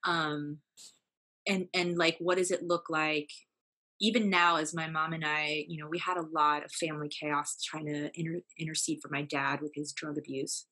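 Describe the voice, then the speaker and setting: Young woman guest on a podcast, bright clear tone, kinda lowish voice, reflective and earnest, lots of ums. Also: level tone, normal speed. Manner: earnest, reflective, with many fillers and restarts. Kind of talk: candid personal storytelling.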